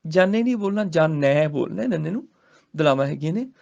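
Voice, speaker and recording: A man from Punjab with a Punjabi accent, teaching the pronunciation of Sikh scripture. He recites each verse slowly and with weight, then explains the correct pronunciation in quick, plain speech. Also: a little high, lively intonation, vocal fry, warm tone, lo-fi sound. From Punjab, India. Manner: slow, drawn-out chanting of verses, then brisk explanations. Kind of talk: recitation with spoken pronunciation lessons.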